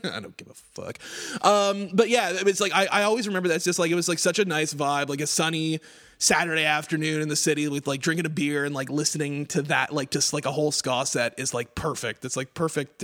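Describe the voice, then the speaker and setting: A middle-aged man from Quebec, Canada, hosts a radio music show and chats casually on air about records. His voice is fairly high and fairly bright, and his talk rambles along, heavy with fillers and lots of "like"s.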